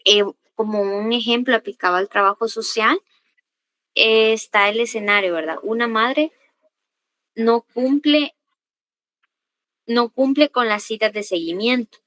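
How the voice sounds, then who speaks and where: A woman's voice: fairly high pitch, a little slow, long pauses, fairly bright tone, no room sound. A woman giving a class lecture, often checking whether the students follow and acting out quoted examples. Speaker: teacher. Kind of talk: class lecture on assertive communication.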